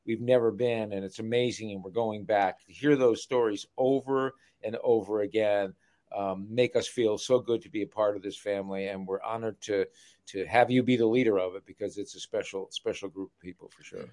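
A man's voice: on the low side, steady tone, a little fast, a little mellow. An older man, a veteran sportscaster on a radio show, chatting casually and reminiscing with frequent restarts.

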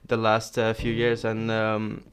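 Low, flat-voiced male podcast host. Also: a little slow. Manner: hesitant, many fillers. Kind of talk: casual interview questions.

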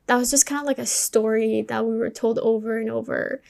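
A Colombian woman, a native Spanish speaker, hosts a podcast by herself, telling her own story candidly and informally as if to one listener. Her fairly high voice stays rather even in pitch, with vocal fry and a fairly quick pace.

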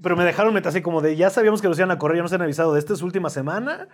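A man's voice: high-pitched, very fast. A man with a Mexican accent, co-hosting a podcast and telling slangy anecdotes. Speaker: podcast co-host. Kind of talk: casual comedic chat.

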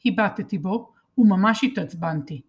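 Woman reading a kids book out loud, lively and expressive, medium pitch. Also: breathy edge. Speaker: storybook reader. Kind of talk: first-person children's book narration.

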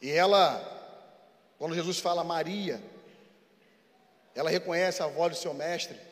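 A high-pitched man with a Brazilian Portuguese accent delivers a sermon in a church hall. He repeats key phrases, swinging from fervent proclamation to hushed intimacy, and his voice trails off in a long, echoing reverb. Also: steady tone, normal speed. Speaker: preacher.

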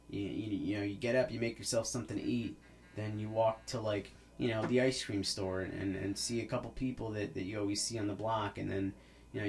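A man, hosting a podcast as a casual, rambling monologue full of restarts. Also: medium pitch. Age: 30s. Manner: rambling, with many restarts and fillers. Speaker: podcast host.

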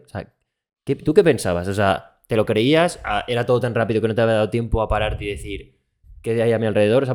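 Man, podcast host, lowish voice, quick delivery, casual and slangy. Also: a little mellow. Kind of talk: casual interview chat.

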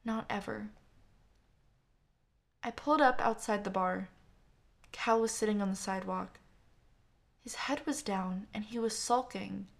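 A woman narrates a first-person story at a slow, deliberate pace. Her voice sits at a medium pitch, soft and measured, with a calm audiobook delivery. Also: creaky.

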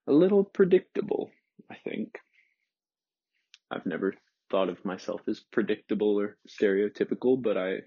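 A twenty-one-year-old man in an introspective solo monologue, talking hesitantly and softly with many pauses, alone in a room, on a dull lo-fi recording. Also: fairly low pitch. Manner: hesitant, soft-spoken, many pauses and fillers.

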